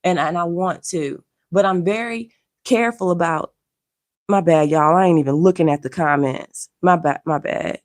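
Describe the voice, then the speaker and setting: A woman's voice: fairly low pitch, moderate pace, dry recording, clean studio sound. A woman who is losing her voice and feeling unwell speaks on a home livestream, scolding her viewers bluntly and with profanity while keeping her voice down. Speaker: social media artist and streamer. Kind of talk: live-stream rant to viewers.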